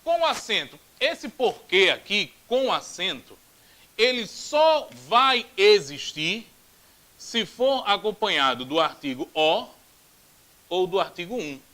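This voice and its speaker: A man with a Brazilian Portuguese accent teaching a grammar video lesson. He is animated, repeats drills aloud and drops jokey asides. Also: high-pitched, takes it slowly, rough recording.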